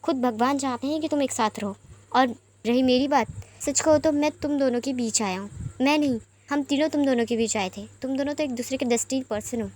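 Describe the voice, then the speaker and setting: Woman voicing a gentle, reassuring young man. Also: sits high, brisk, close to an everyday voice. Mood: earnest.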